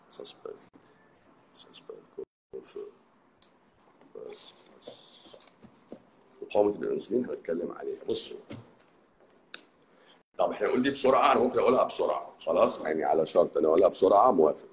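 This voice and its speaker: A man with an Egyptian accent, a doctor hosting a live stream, talking in a sarcastic, teasing, animated way. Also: deep voice, slight background noise. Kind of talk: casual live stream talk. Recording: roomy echo.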